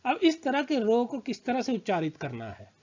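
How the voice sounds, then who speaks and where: A man's voice: extremely high pitch, huge pitch swings, moderate pace, a little mellow. A man teaching a grammar lesson to students, patiently repeating example words and checking that they understand. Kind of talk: slow spoken grammar lesson. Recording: slightly dull lo-fi sound.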